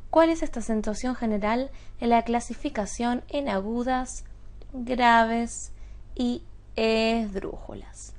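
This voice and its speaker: A woman teacher giving a spoken grammar lesson, explaining step by step and checking understanding with quick questions. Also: fairly high pitch.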